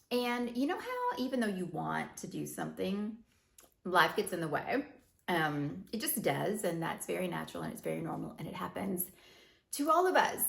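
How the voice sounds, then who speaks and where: Woman host, loose chatty talk, slightly gravelly, roomy office sound. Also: fairly high pitch. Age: adult with teenage daughter. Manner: rambling, chatty, laughs often. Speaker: podcast host. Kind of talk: unscripted casual monologue. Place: home office with windows.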